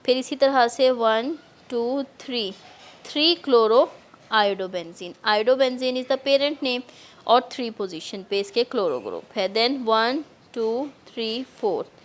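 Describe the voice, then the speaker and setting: Pakistani lady chem teacher, slow explaining, lots of english words thrown in, higher voice. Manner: slow, explanatory, mixing English terms into Urdu. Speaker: chemistry lecturer. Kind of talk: classroom lecture.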